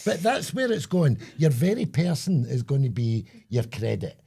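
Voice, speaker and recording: A man's voice: medium pitch, very animated, moderate pace, creaky, warm tone, slightly rough. An older man with a Scottish accent, co-hosting a casual comedy chat, joking, swearing and slipping into mock voices. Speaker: co-host.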